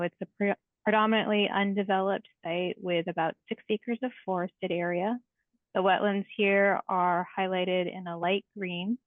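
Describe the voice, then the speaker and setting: A woman project engineer walks a commission through a technical design in a clear, organized way. She joins by video call, and her voice comes through tinny and phone-like. The sound is dry, with no room echo. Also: lowish voice. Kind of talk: technical presentation.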